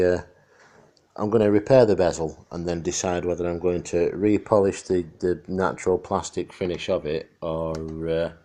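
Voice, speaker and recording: A middle-aged radio restorer gives a casual, hands-on demonstration, commenting in a chatty, rambling, dryly jokey way. His voice is low-pitched with a dark tone.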